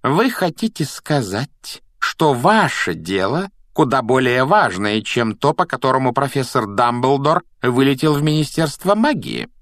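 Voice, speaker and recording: A man voicing a strict older woman professor in a storybook reading, speaking in a cold, clipped, measured way. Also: medium pitch, big pitch swings, dry recording, studio quality, voice pushed up, lightly acted. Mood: stern, cold.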